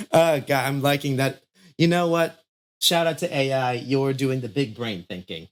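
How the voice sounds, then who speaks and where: An easygoing male podcast host in casual chat, laughing often between thoughts. His talk rambles and trails off mid-sentence in a relaxed, playful way. His voice sits at an everyday middle pitch. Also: slow, slight background noise.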